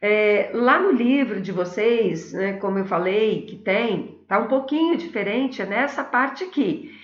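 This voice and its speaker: A woman's voice: mid-range voice, expressive, a little slow. A middle-aged Brazilian woman teaching a grammar lesson, explaining step by step and speaking straight to her students. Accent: Brazilian Portuguese. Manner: explanatory, addresses students directly. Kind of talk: recorded classroom lesson. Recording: echoey, dull lo-fi room recording.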